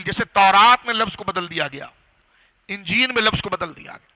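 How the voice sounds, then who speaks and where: A man preaching a religious lecture to a gathering, teaching step by step, asking the audience questions and slowing down on key phrases. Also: sits high, bright, forceful tone, rough recording. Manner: didactic, rhetorical questions to audience. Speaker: Islamic scholar and preacher. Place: gathering hall.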